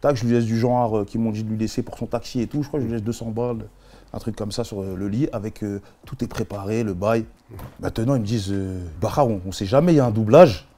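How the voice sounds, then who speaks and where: A man, an interview guest, telling his story casually in heavy street slang, animated and full of sound effects. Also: lowish voice, fast talker.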